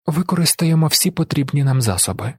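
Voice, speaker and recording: A man's voice: a little high, lively intonation, a little fast, a little mellow, slightly rough, dry recording, studio quality, pitched above the performer's own voice. A man voicing a cunning, menacing male shapeshifter who bargains and threatens in a gloating, silky way in an audiobook. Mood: gloating menace. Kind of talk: audiobook character voice.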